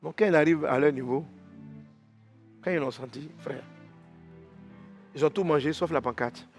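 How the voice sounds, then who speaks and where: A man preacher telling an animal story in a lively way during a devotional sermon in a church. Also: fairly high pitch, moderate pace, faint music behind.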